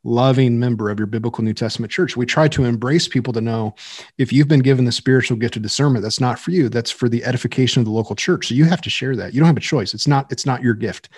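A middle-aged man hosts a podcast with a pastor's emphatic, preachy delivery. His voice sits in an ordinary middle pitch and climbs when he presses a point. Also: fast, darkish tone, husky, no room sound, clean studio sound. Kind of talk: casual podcast discussion.

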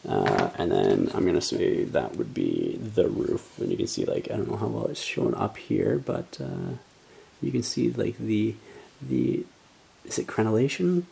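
A man in his thirties hosts a casual hobby unboxing and talks in a rambling, eager way. His voice has a gravelly edge. A faint hiss sits behind it. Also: lowish voice, sing-song, unhurried, warm tone. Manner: rambling, enthusiastic, many ums and likes. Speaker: hobby channel host.

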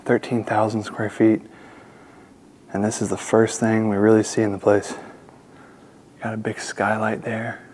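Young man, low voice, casual excited walkthrough, camera mic, faint room ambience. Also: unhurried, pauses often, slight background noise. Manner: excited, addresses viewers as guys. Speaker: urban explorer vlogger. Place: large empty mansion indoors.

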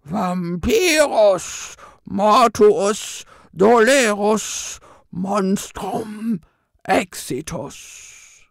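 A woman voicing a pompous old male ghost who hunts vampires, booming out threats and chanting slow incantations. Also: animated, vocal fry, dry recording, studio quality, heavily acted.

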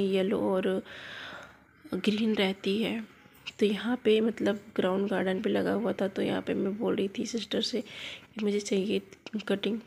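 A creaky, slightly rough mid-range voice with a somewhat mellow quality belongs to a woman vlogger planting cuttings in her home garden. She records on a handheld phone and keeps it chatty, treating viewers as friends in a casual walkthrough.

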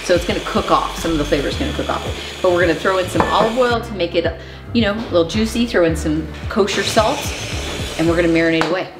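A woman's voice: fairly low pitch, fast. Chatty woman hosting a cooking vlog. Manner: chatty, upbeat, giggly. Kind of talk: casual cooking demonstration. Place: small RV kitchen. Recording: roomy with background music.

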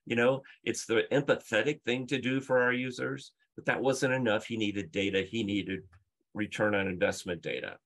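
The middle-aged man's voice is fairly low and a bit bright, with mostly even intonation and a normal pace. A UX leader and conference speaker, he presents on a video call from a book-lined room at home, explaining emphatically with stories and rhetorical questions.

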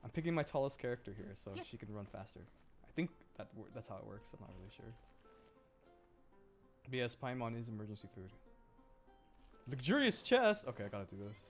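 Very animated and a little fast, with long pauses, his mid-range voice carries over game music during a livestream. The male VTuber host chats casually, giggly and easily amused as he responds to the game and his chat.

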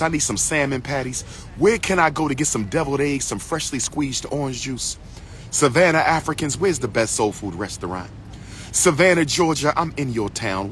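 In a park, a middle-aged man speaks into a phone held at arm's length, delivering an impassioned, preachy selfie monologue to followers in a lecturer's manner. His mid-range voice is a bit bright, he repeats himself emphatically and rises to declamation, and there's slight background noise.

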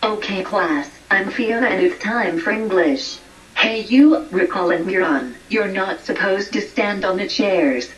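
A woman's voice: mid-range voice, a little slow, lightly acted. Synthetic female voice as a strict scolding teacher. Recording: distant, dull TV-speaker sound.

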